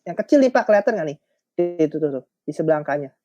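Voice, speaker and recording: Warm-voiced man leading an online training. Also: a little high, expressive, racing, lo-fi sound, faint music behind. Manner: chatty, joking, addresses the audience often. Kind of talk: online teacher training webinar.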